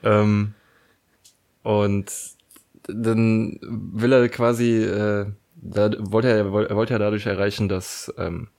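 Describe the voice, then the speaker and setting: A man's voice: fairly low pitch, slow, creaky. Chatty man retelling a cartoon episode. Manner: animated retelling, acts out quotes, many fillers. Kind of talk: casual podcast chat about a cartoon episode.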